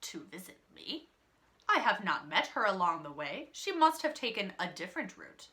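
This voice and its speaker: A cunning old wolf from a storybook coaxes children while posing as their loving grandmother, acted out by a woman reader. The delivery is bright and swings up and down with false affection. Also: mid-range voice, very animated, moderate pace. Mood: feigned surprise. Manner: coaxing, feigning affection.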